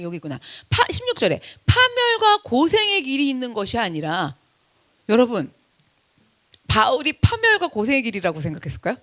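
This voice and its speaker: A woman pastor preaching a sermon, acting out quoted speech and swinging from loud lines to hushed asides. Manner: acts out quoted speech in a high voice. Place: church sanctuary.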